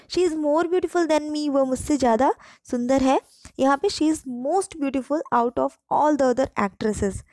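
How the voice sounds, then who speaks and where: A woman teaching English grammar in Hindi. She reads the English example sentences slowly and clearly. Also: sits high, warm tone, no echo, studio quality. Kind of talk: online grammar lesson.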